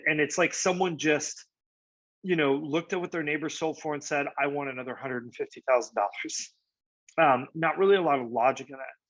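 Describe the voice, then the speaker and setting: A man's voice: a little high, a bit bright, no room sound. A man, a real estate agent casually explaining market charts, with frequent fillers and "right?" asides. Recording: dry, slightly dull lo-fi audio.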